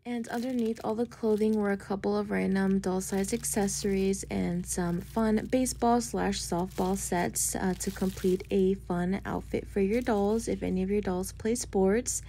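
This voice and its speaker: A woman's voice: mid-range voice, steady tone, moderate pace, vocal fry, few pauses, dark tone, a little hiss or hum. A young woman narrating a shop-with-me doll vlog in a chatty, enthusiastic voice-over with casual slang. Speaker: doll collector vlogger.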